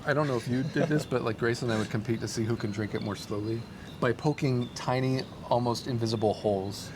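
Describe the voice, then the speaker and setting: A man's voice: mid-range voice, a little fast. Upbeat man telling stories outside. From Taiwan. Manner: rambling, upbeat, frequent fillers. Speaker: guest. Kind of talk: casual storytelling. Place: outdoors on a city street. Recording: outdoor street with traffic noise.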